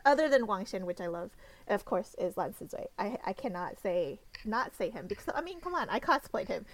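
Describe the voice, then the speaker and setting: A woman's voice: mid-range voice, sing-song, brisk. Young woman gushing about fave characters, lots of um and like, restarts a lot. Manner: enthusiastic, gushing, many fillers and restarts. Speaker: podcast co-host discussing novels. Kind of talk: casual fan discussion.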